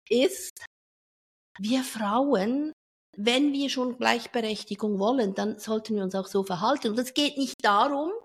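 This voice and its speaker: Woman, middle-aged, fairly high voice, lively, talkative. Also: measured pace, breathy edge. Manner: lively and talkative, drifts off topic, laughs often. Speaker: event speaker and finance professional. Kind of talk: casual interview chat.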